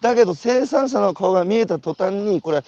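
A man with a Tohoku accent hosts a conversation while walking outdoors, his pitch sitting somewhat high and swinging widely as he builds his points. His tone is mellow and dark, and the sound is dry and a little dull. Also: fairly quick, no room sound. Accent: Tohoku Japanese. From Iwate, Japan. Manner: animated, storytelling with rhetorical questions. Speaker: host.

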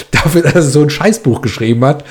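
A man's voice: on the high side, a little mellow. A man reading a story aloud, acting out a heated quarrel and then chatting about it with amused commentary. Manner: acts out both quarrelling characters. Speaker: reader of a story.

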